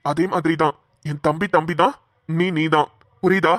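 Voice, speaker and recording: A woman voicing a young husband in a cartoon, coaxing and calming his upset wife. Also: sits low, normal speed, no room sound, studio quality, natural voice. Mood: soothing. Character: young husband, patient and soothing. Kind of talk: Tamil cartoon drama voice acting.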